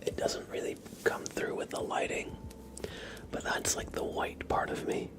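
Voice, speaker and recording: This is a man running a livestream, reading his chat aloud and thanking viewers in an ASMR whisper. He speaks softly and slowly, chuckling lightly, into a close mic that picks up mouth sounds.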